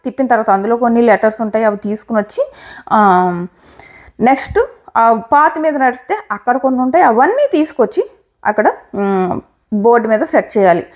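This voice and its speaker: A woman giving an opinionated, animated review of a reality show episode. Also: a little high, brisk. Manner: animated, opinionated retelling with quoted lines. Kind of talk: casual commentary.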